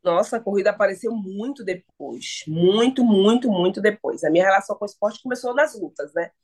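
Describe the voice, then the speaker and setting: Bahian woman guest, playful and lively, laughs easily, mid pitch. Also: a little fast, breathy edge. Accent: Bahian Brazilian Portuguese. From Salvador, Bahia, Brazil. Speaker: podcast guest, journalist. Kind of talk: casual podcast chat.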